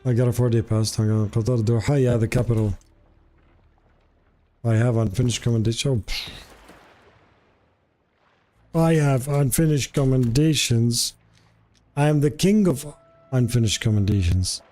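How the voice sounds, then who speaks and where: A man's voice: medium pitch, moderate pace, long pauses, warm tone. A man with a Jordanian accent, chatting playfully and boastfully on a live game stream, mixing English and Arabic. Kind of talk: casual live-stream chat.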